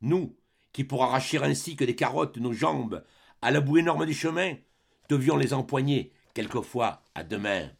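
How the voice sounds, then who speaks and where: A man's voice: mid-range voice, animated, normal speed, creaky, slightly rough. A man reading as a proud old grenadier sergeant. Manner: declaiming, rhythmic verse delivery. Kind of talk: dramatic reading of a verse play.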